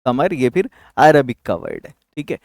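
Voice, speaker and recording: A man's voice: moderate pace, no echo, studio quality. A man teaching Urdu vocabulary in an exam-prep lesson, asking questions and repeating the answers for drill. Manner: lively, rising on each question, dropping low on answers; repeats key words for drill.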